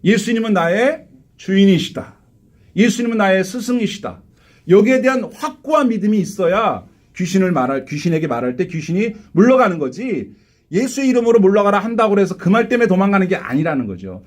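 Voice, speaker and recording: Animated high-voiced male pastor preaching. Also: fast talker. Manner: animated, asks the congregation rhetorical questions, acts out quotes. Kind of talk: live Sunday sermon. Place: church sanctuary.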